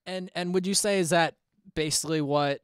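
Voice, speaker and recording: A man hosts a podcast and asks his guest relaxed, rambling questions padded with fillers. His voice sits a little high for a man and sounds smooth and clean. The sound is dry and close to the mic. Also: a little fast, no room sound. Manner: loose and filler-heavy, circles around his questions. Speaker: podcast host. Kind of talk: casual interview questions.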